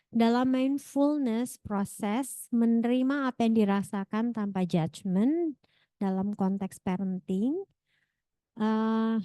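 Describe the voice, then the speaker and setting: A woman moderates an academic seminar Q&A, reading out questions in a friendly way, laughing often and rephrasing as she goes. Her voice is mid-range with a dark tone, captured in a clean studio with no room sound.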